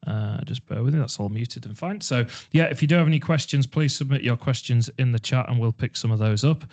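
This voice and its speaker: A man hosting an online team meeting, talking in a relaxed, reflective way with fillers. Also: medium pitch, fairly quick. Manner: conversational, reflective, uses fillers. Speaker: webinar host. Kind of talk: casual online meeting chat.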